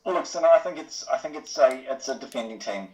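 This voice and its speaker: A man's voice: medium pitch, lively intonation, fast, darkish tone. A man chatting casually and matily as a driver being interviewed over a remote call. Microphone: remote call mic. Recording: dull lo-fi voice chat.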